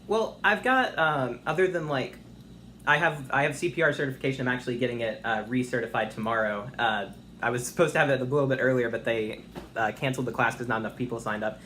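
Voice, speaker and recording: A young man with a mid-pitched voice answers interview questions during a speakerphone call. He is eager and chatty, informal yet polite, with faint noise around him. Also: steady tone, fast, pushed and bright. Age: young adult. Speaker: internship applicant being interviewed.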